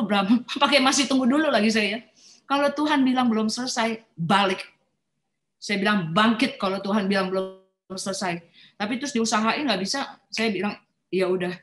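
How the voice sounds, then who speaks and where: A middle-aged woman telling a personal church testimony in an animated way, acting out quoted voices and calling her listeners brothers and sisters. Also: on the high side, brisk. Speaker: speaker sharing a personal testimony.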